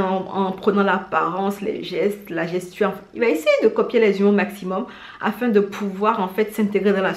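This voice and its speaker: A woman vlogger chatting casually in an animated, slangy, self-mocking way as she gives recommendations. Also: mid-range voice. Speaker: vlogger presenting drama recommendations. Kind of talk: casual chat to camera. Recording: roomy indoor echo.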